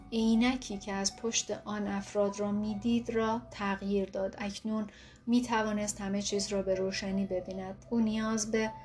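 A woman narrating a self-help book in a calm, steady reading voice. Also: medium pitch. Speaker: audiobook narrator.

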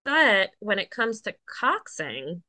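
A woman's voice: mid-range voice, sing-song, slow, bright, forceful tone. A woman talking casually as a podcast guest, explaining with lots of fillers and asides. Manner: chatty, many fillers, explains plainly. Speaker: guest, Paralympic coxswain.

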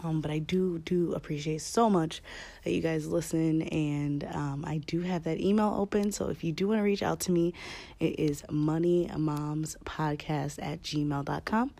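A woman hosting a podcast in casual, rambling, candid talk, with a deep chesty voice that is a bit scratchy from a cold. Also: fairly even intonation, moderate pace, gravelly, warm tone, no room sound. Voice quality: slightly scratchy. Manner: candid, informal, swearing freely. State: fighting a cold. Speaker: podcast host.

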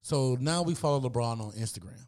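Chill podcast guy, mellow dark voice, just layin out the facts easy. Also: mid-range voice, animated, a little fast, smooth. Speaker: podcast co-host. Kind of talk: casual chat.

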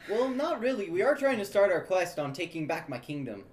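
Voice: medium pitch, big pitch swings, a little fast. A player speaking hesitantly and informally in a casual improvised tabletop role-play.

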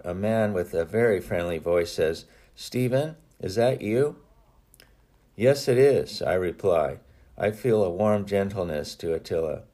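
A man with a low, darkish voice reads his own book aloud, telling a personal story in an earnest, reflective way. There are a few small restarts in this audiobook narration.

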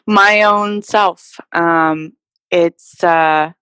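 A woman's voice: lowish voice, steady tone, drawn-out words, fairly bright tone, dry recording, low-quality recording. A young woman from Texas, a fitness model guest, talking casually with lots of fillers and restarts. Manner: chatty, many fillers and restarts. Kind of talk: casual interview conversation.

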